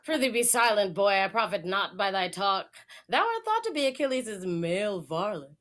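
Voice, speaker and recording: A woman's voice: medium pitch, very animated, normal speed, fairly bright tone. A woman playing a scurrilous, sneering fool in hammy, declamatory Shakespearean stage acting. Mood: mocking. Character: scurrilous, sneering fool railing at warriors and lovers.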